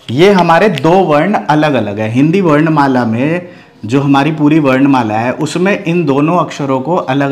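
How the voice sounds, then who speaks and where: Higher-voiced man teaching a language lesson. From Bihar, India. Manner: explains step by step with rhetorical questions and frequent "okay". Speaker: Hindi teacher. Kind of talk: online grammar lesson.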